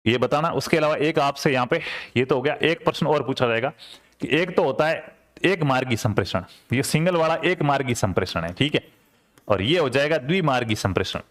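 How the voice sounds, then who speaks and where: A man's voice: medium pitch, lively intonation, fairly quick. A man, teaching an exam-prep lecture conversationally and repeating key terms with rhetorical check-ins. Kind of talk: classroom lecture.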